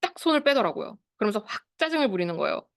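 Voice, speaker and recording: A speech therapist in her thirties, leading a study group, races through an online lecture for parents and teachers in a fairly high, sing-song voice with vocal fry. She explains, quizzes the audience, and acts out quoted phrases. The audio is studio quality, without room sound.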